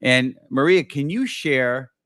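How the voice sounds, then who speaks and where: A middle-aged man hosts a live-stream talk show at a mid pitch, recorded bone dry with no room sound. He talks with eager enthusiasm. He stumbles and repeats words as he goes. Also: lively intonation, slow pace, fairly bright tone, dry recording. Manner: enthusiastic, repetitive, many restarts. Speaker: show host.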